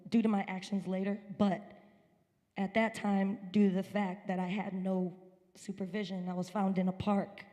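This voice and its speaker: Woman from upstate new york telling her testimony at church, mellow voice, long echo off the hall. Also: mid-range voice. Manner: earnest, emphatic storytelling. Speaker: guest speaker at a church service. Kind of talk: personal testimony. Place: church sanctuary.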